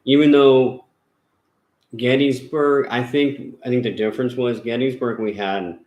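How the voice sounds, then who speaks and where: A man's voice: medium pitch, steady tone, unhurried, a little mellow. A man hosting a paranormal investigation channel, chatting casually at home in a rambling way with lots of fillers and restarts. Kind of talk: casual chat. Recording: roomy echo.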